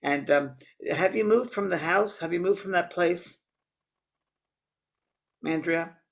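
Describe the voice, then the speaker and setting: A man's voice: high voice, slow, creaky. A man working as a psychic medium, giving earnest, coaxing readings to audience members and calling them honey and baby.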